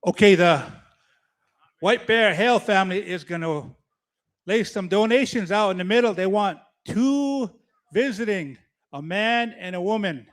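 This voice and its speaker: A man's voice: high-pitched, expressive, unhurried. A man emceeing a powwow, making informal announcements and repeating key phrases.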